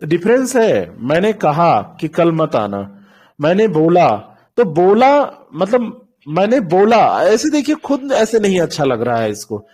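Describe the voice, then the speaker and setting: A man teaching an online doubt-clearing class, explaining patiently through repeated examples over a call mic. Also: high voice, very animated, a little slow, a little mellow.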